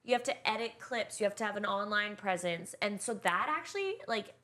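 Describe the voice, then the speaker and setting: A woman's voice: mid-range voice, lively intonation, fairly quick, sharp tone. A young woman, a stand-up comedian guesting on a podcast, talking casually and candidly, swearing for emphasis. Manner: candid, swears for emphasis, acts out what people say. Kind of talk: casual chat.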